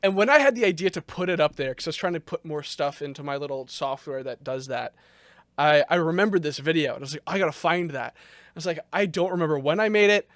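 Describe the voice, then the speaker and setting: Young guy hosting a podcast, highish voice, laughs a lot, cusses, dry close mic. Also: fast, fairly bright tone, no echo. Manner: laughs often, swears, jokey. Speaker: podcast host. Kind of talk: casual chat.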